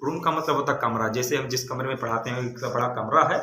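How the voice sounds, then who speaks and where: A man teaching English vocabulary as a classroom lesson. He spells each word letter by letter, then repeats its meaning with a steady "ok". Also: mid-range voice, fast talker. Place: large classroom. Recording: echoey room, faint background noise.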